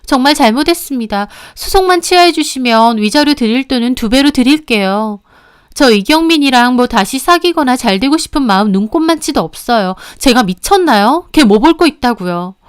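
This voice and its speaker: A contemptuous young woman snaps and sneers, her voice pitched high and loud, as a female reader puts her on. The tone is smooth and clean, recorded dry and close. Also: animated, normal speed, dry recording. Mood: pleading. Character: sharp-tongued young woman, the husband's scornful ex-lover. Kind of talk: dramatized story reading.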